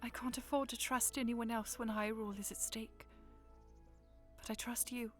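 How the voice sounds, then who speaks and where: A woman's voice: a little high, steady tone, moderate pace, faint music behind, natural voice. A woman playing an anxious young princess in an audio drama, self-doubting yet earnest and emotional. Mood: soft, trusting.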